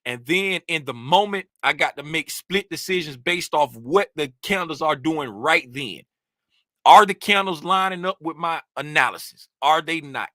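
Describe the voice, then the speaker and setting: Trading host, male, rowdy ranter, bright high voice. Dry, close sound. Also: moderate pace, no echo. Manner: animated, rowdy, ranting. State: worked up and sweating. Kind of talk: casual rant to viewers.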